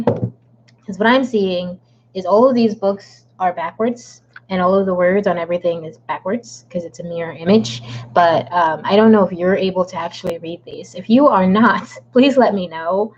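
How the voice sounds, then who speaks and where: A woman's voice: mid-range voice, normal speed, a little mellow. A woman chats at her desk on a home livestream, rambling and playful, drifting in and out of a silly put-on accent. The sound is dull and lo-fi, with a faint hum underneath. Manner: chatty, rambling and playful, with a put-on accent she jokes about. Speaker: author hosting a live writing stream. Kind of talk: casual livestream chat.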